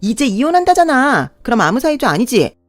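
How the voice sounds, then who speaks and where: A woman's voice: high-pitched, very animated, brisk, dry recording, soft background music, voice pushed up. A woman voicing a spoiled young sister-in-law who talks in a mocking, entitled tone in a radio drama.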